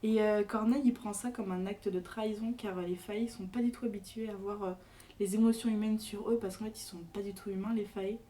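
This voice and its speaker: A woman's voice: mid-range voice, steady tone, fairly quick, mellow, recorded from a distance. A young woman presenting a book on a podcast in casual chat, hesitant with many fillers and restarts. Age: young adult.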